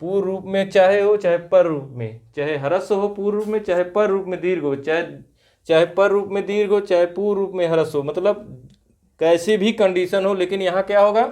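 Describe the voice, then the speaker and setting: A man's voice: sits high, a little fast, a little mellow. A man teaching a grammar lesson to a class, explaining rules step by step and constantly asking "right?" to check understanding. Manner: repetitive, drilling rules step by step. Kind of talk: classroom lecture with call-and-response.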